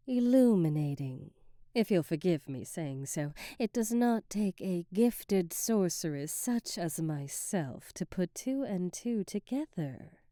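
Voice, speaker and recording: In a fantasy ASMR roleplay, a woman plays a silky, manipulative sorceress who advises a queen, speaking slowly in a low, very soft, dark voice. Her manner is sly, theatrical and insinuating, full of teasing and ornate, formal courtly phrasing. The recording is close and dry, with no echo.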